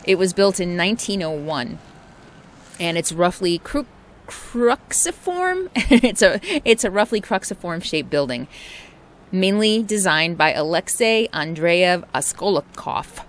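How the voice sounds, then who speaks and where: A woman's voice: lowish voice, normal speed. A woman RV vlogger talking casually to camera outdoors, chatting and reading out local history with small stumbles. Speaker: RV travel vlogger. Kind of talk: casual travel vlog narration.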